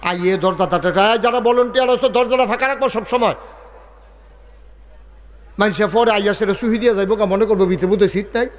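A man with a fairly high voice preaches in an over a loudspeaker at a large open-air gathering. He jokes with the crowd, scolds the sound man, and draws key lines out into a slow chant. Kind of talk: village sermon with crowd call-and-response. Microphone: handheld mic through PA.

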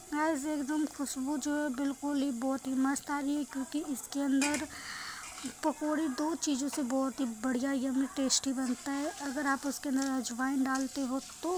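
Her voice is high with a darkish tone as this Indian-accented woman, a home cook who hosts a vlog, chats and repeats herself during a cooking demo for viewers. She's in her home kitchen beside a frying pan, and the phone recording is noisy.

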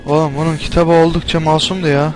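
A young man commentating a game as he plays, panicking, swearing and yelling at it. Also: fairly high pitch, little pitch movement, quick pace, a little hiss or hum, low-quality recording. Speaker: gameplay commentator. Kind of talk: let's play commentary.

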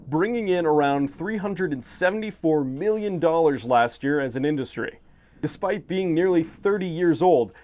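A man's voice: fairly high pitch, a little mellow. Young male reporter reading a news package. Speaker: field reporter. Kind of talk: scripted news narration.

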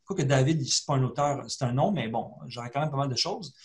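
A librarian leads a webinar, talking through a screen-share tutorial conversationally with plenty of fillers and restarts. His mid-range voice moves fairly quickly.

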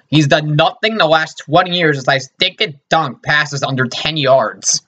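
A young man talks to the camera in a sarcastic, mock-upset comedy monologue and breaks off his own sentences. His voice is bright and forceful. The sound is slightly dull and lo-fi, recorded in a small room at home. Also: a little high. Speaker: YouTube comedian.

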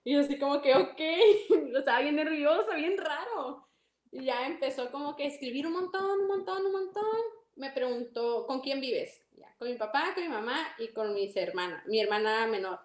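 Young woman, Mexican accent, high voice, animated storytelling, echoey room. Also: normal speed. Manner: animated, acts out dialogue, laughs often. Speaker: interview guest. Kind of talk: casual storytelling.

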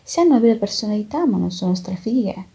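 A woman's voice: medium pitch, animated, fast, creaky, warm tone, breathy edge, pitched above the performer's own voice, exaggerated voice. A woman reading the lines of a tipsy, boastful young man with loose, teasing talk.

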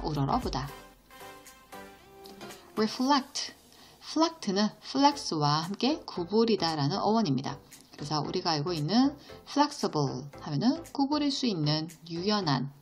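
A woman teaching an English vocabulary lesson, explaining each word slowly and patiently and asking her students questions along the way. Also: medium pitch. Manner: slow, patient explanation with question-and-answer prompts.

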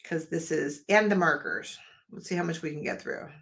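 Her voice sits low, creaky and a little bright, at a moderate pace. This middle-aged woman is casually rambling to viewers of her live art stream in her home studio, addressing them directly while her voice gives out a bit.

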